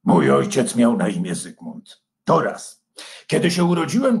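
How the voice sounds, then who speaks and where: A man's voice: on the high side, full character voice. Smok Zygmunta, a man playing a pompous dragon. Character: grand, eccentric saxophone-playing male dragon. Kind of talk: storybook character voice.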